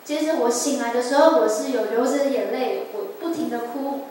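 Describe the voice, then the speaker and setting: Faint noise and a far-off mic mark this echoey church hall recording of a twenties-aged woman's earnest, emotional testimony. Her voice is a little high and a little mellow, at a moderate pace, as she addresses the service from the sanctuary.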